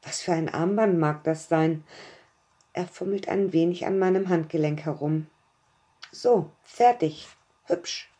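Brief: woman narrator, lower pitch, mellow, calm and intimate. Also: moderate pace. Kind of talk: first-person story narration.

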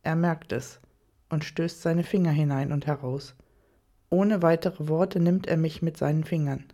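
A woman narrates an erotic audio story in the first person. Her delivery is very slow and soft, and her tone is mellow and dark. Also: deep voice, fairly even intonation.

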